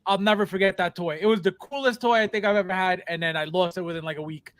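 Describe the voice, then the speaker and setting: A man from Colombia, Spanish-native, hosting a podcast in a halting casual chat full of restarts. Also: sits high, fairly even intonation, fairly bright tone, no room sound. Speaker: podcast host.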